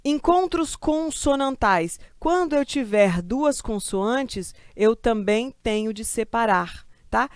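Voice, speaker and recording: A woman from Brazil teaching a grammar lesson for exam prep, lively and chatty, asking questions and answering them herself. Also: a little high, slow, hardly any pauses, clear, resonant tone, dry recording, studio quality.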